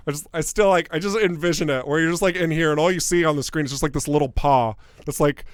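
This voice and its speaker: A young man with a high, smooth voice chats through a live gameplay stream, playful and excitable and quick to laugh. He reacts to his viewers' comments as he plays. The sound is close and dry, with no room echo. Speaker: game developer streaming gameplay.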